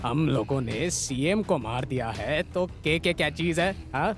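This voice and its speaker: A man's voice: a little high, animated, unhurried, faint music behind. A man dubbing a swaggering gangster who boasts and mocks the people around him. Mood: cocky. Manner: boastful, mocking, laughs at others. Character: cocky swaggering male Bihari gangster. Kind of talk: Hindi film dub. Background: film score.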